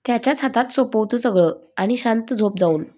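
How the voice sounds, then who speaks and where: A woman voicing a caring young woman who comforts her mother-in-law in a soothing, gentle way, in a story reading. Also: fairly high pitch, a little fast, lightly acted.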